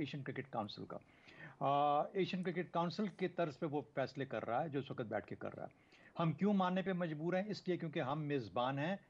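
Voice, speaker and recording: A man giving calm, explanatory cricket analysis as a TV panel guest, with some hesitations. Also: on the high side, muffled recording.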